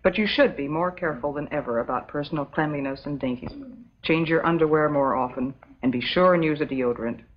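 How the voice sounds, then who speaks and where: A low-sitting, lightly acted voice belongs to an American actress playing a calm, motherly substitute teacher in an old educational film. She gives a patient, prim, measured scripted lecture on a dull, muffled soundtrack that carries a little hiss or hum.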